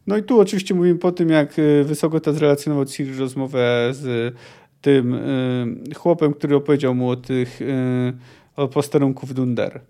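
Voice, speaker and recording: A man's voice: medium pitch, steady tone, normal speed, mellow. A man hosting a book podcast, talking casually and thinking aloud, with frequent restarts and hesitations. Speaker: podcast host discussing a book.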